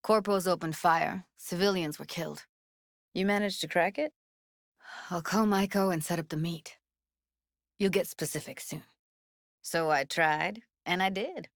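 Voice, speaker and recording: A woman with a fairly low voice speaks a little slowly, leaving long pauses, in a studio-quality recording with no room sound. She's an actress playing a tough, guarded young techie in a cyberpunk video game, using casual, clipped slang with a wry edge. Her isolated lines are naturalistic game dialogue, delivered matter-of-factly.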